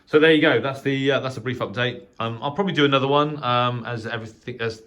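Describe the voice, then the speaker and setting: Fast and a bit bright at medium pitch, a middle-aged English man hosts a casual, unscripted tour as a shortwave radio hobbyist and channel host. He hesitates and rambles while showing his small spare-bedroom radio shack indoors. The home room recording has clearly noticeable noise.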